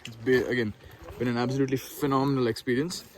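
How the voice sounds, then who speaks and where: A man's voice: medium pitch, little pitch movement, quick pace, poor audio. A man talking casually to camera as he vlogs a mountain trek outdoors. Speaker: trekking vlogger.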